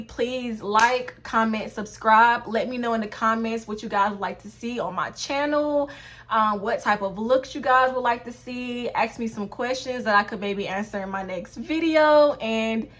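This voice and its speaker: A young woman talks through her makeup routine in a relaxed, chatty way, often calling her viewers y'all. Her voice sits a little high, and she takes her time with each phrase. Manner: chatty, addresses viewers as y'all, drawn-out pace. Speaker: beauty vlogger. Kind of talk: casual makeup tutorial chat.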